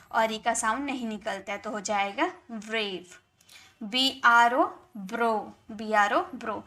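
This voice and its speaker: A woman with an Indian accent teaching an English spelling and pronunciation lesson, spelling out letters slowly and repeating each word several times. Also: fairly high pitch, bright, forceful tone.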